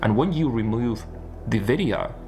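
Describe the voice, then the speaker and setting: A man who coaches business and spirituality on YouTube gives a casual explanatory monologue in a warm, mid-range voice with lively intonation at normal speed. He's emphatic and repetitive, often seeking agreement with tag questions. Soft music plays in the background.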